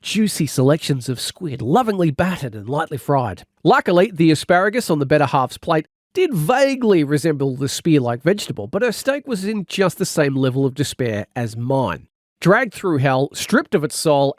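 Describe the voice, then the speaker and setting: The audiobook narrator, a man with a fairly high voice, speaks at normal speed with big swings in pitch. His comedic scripted narration is told in the first person by a wry, exaggerating storyteller, and the recording is dry and studio quality.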